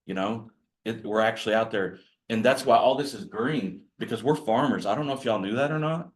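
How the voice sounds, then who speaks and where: At a slightly fast clip, a man with a lowish, growly voice addresses a group of real estate agents in a casual workshop. His training talk rambles in a folksy, self-deprecating manner.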